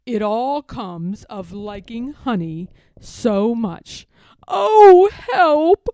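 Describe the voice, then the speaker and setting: A woman's voice: on the high side, big pitch swings, drawn-out words, mellow, no room sound, heavily acted. A woman voicing a small male bear from a storybook, earnest and muddled, musing ponderously in a simple-minded way. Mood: rueful, then alarmed. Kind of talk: storybook character voice.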